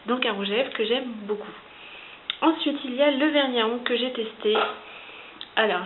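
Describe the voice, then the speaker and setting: A French woman reviewing makeup in a chatty, hesitant way. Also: medium pitch. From France. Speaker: beauty vlogger. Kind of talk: casual product review. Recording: hissy lo-fi home video, phone-like.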